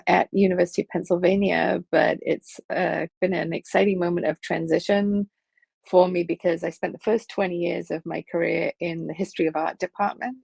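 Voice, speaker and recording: Gravelly, husky middle-aged Liverpool woman. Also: fairly low pitch, darkish tone, no room sound. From England. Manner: thoughtful, pauses with many ums. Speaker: professor, guest. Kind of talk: conversational interview.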